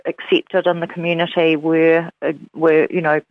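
A woman's voice: deep voice, level tone, moderate pace, no echo. A woman novelist, hesitant and full of fillers, talking about her book in an interview. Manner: hesitant, many fillers and restarts. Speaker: novelist guest. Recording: dull, lo-fi sound.

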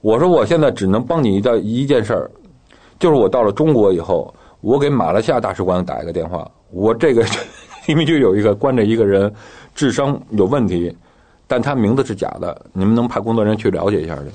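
A man's voice: lowish voice, lively intonation, fast talker, mellow, slightly rough. A man telling his own story in casual talk, acting out the dialogue as he goes, with guitar music behind him.

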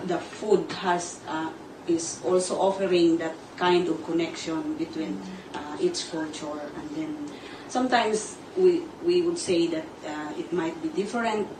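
A woman host from the Philippines, speaking haltingly with many fillers. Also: deep voice. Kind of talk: casual talk. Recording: echoey room, distant mic, noisy.

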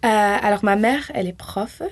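A woman with a Toulouse French accent speaks in a mid-range voice. She talks as a relaxed interview guest, chatty and quick to laugh, sometimes pausing to search for a word. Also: mid-range voice. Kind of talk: casual conversational interview.

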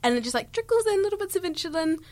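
A bubbly young woman with a New Zealand accent chats and giggles on a youth radio show. Her voice sits high and bright in pitch. She talks freely at a studio mic. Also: sing-song, very fast, no room sound. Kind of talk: casual radio chat.

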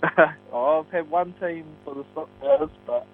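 A man's voice: fairly high pitch, big pitch swings, slow pace, gravelly, soft background music. A man with a Kiwi accent giving a casual interview as a racing driver, hesitant and modest, over a phone. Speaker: stock car driver being interviewed. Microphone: phone call. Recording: tinny phone line with hum.

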